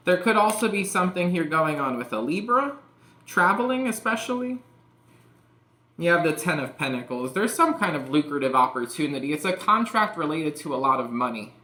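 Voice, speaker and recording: A man's voice: on the high side, sing-song, fairly quick, bright, forceful tone. Chatty man reading tarot, echoey room. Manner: rambling, full of "like" and "you know". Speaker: tarot reader.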